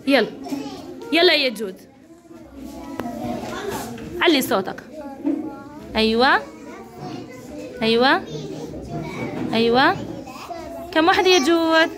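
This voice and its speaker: Levantine woman, young teacher, high voice, encouraging classroom manner. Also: expressive, slow pace, long pauses, music in the background. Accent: Levantine Arabic. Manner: encouraging, coaxing, lots of praise. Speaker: kindergarten teacher. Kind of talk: classroom instruction to young children.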